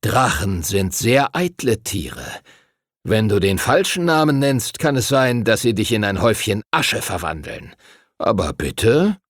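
A man voicing a stern older master of dragon riders, speaking slowly and solemnly in an audiobook. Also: on the low side, very animated, no room sound, clean studio sound. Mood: warning. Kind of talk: audiobook character voice.

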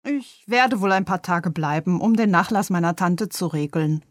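A woman's voice: fairly low pitch, normal speed, no echo, clean studio sound, lightly acted. A woman voicing a young, wary woman from the city in a read-aloud novel, in a plain, earnest way.

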